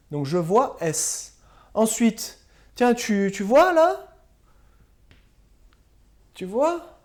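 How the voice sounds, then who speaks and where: A woman teacher giving a slow, patient spelling and grammar lesson to young pupils, spelling words out letter by letter. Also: fairly low pitch, dark tone. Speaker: primary school teacher.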